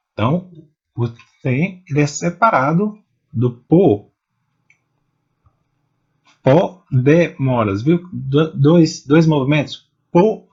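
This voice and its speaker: Man, poetry teacher, very slow delivery, husky voice, dull lo-fi recording. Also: medium pitch. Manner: slow, patient, spelling out syllables one at a time. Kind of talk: explaining step by step.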